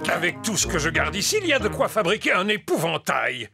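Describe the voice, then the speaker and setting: A man's voice: sits high, sing-song, a little fast, creaky, over music, full character voice. A man voicing an elderly, blustery, eager grandpa pig in a preschool cartoon, full of exclamations.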